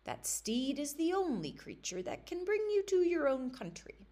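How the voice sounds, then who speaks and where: Woman putting on a shrill scheming enchanter's daughter. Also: big pitch swings, normal speed, warm tone.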